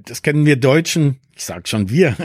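A man's voice: medium pitch, animated, normal speed, a little mellow, no echo, clean studio sound. Reflective man in a casual chat. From Berlin. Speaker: conversation partner.

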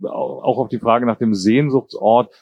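The columnist's medium-pitched voice has a creaky, breathy edge, fairly even intonation, and a moderate pace, and the recording's highs are cut off. In his fifties, born in Jordan and raised in England and Germany speaking German and English, he reflects hesitantly as a casual interview guest.

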